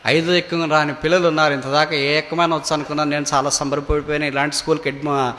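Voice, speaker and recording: A man's voice: level tone, quick pace, a little hiss or hum. Preaching man in a reverberant hall. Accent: Telugu. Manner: swings from loud rising cries to low quiet asides. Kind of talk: sermon with acted story. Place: prayer hall.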